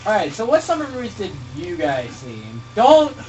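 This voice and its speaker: A man hosting a casual radio show, telling stories in an animated, profane way. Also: sits high, normal speed, highs cut off, heavy background noise. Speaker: host. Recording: distant mic with loud music.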